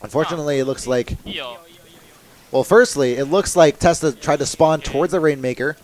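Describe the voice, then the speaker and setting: Brief: young male esports caster, excitable fast live commentary. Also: on the high side. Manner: fast excitable play-by-play with laughs.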